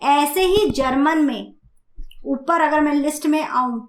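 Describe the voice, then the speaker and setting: A woman teaching German grammar in Hindi, speaking slowly, repeating points and asking her students questions. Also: high voice, echoey room. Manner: slow, repeats and asks the class questions. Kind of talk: grammar lesson explained in Hindi.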